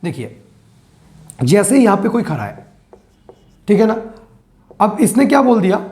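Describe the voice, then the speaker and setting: A male teacher with a rather high, soft and mellow voice gives a physics lesson. He patiently repeats key phrases word by word, as if for dictation, and slips English terms into his explanations. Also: sing-song, unhurried. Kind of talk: classroom lesson.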